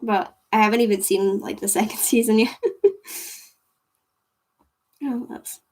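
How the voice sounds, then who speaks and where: A young Scottish woman hosts a livestream, chatting casually with her viewers as she rambles, giggles, and says "like" constantly. Her voice is fairly high and darkish in tone, and she speaks at an unhurried pace.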